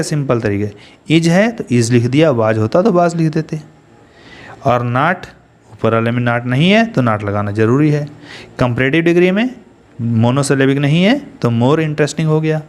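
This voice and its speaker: This is a medium-pitched man with an Indian accent giving an English grammar lesson. He breaks things down step by step, quizzing his students as he moves forward.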